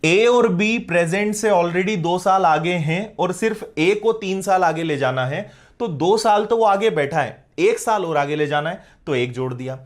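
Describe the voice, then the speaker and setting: A man's voice: high voice, expressive, measured pace, hardly any pauses. A male maths teacher with a Hindi accent, explaining a problem step by step in a live online class and often asking whether students follow.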